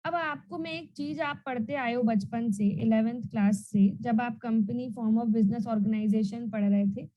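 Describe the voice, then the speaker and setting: Loud, high-voiced woman teacher drilling students. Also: unhurried, hardly any pauses, highs cut off. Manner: repetitive question-and-answer drilling; loud and emphatic. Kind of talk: online class lecture.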